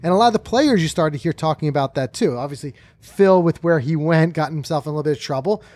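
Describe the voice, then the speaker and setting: A man's voice: on the high side, fast, darkish tone, dry recording, clean studio sound. A man hosting a golf podcast, reading sponsor spots and chatting with enthusiasm. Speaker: podcast host. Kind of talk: casual podcast talk and ad reads.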